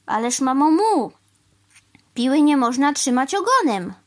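A shrill, fussy male crow, put on by a woman reading a children's story, lecturing in a high voice that leaps up and down. He spells things out slowly, word by word, sure that he alone knows the proper way of things. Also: very animated. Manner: lecturing, slow and overly clear.

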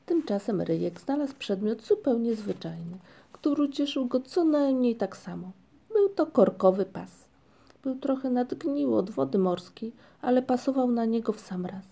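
Gravelly woman reading a storybook. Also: on the high side, animated, normal speed, dark tone. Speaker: narrator.

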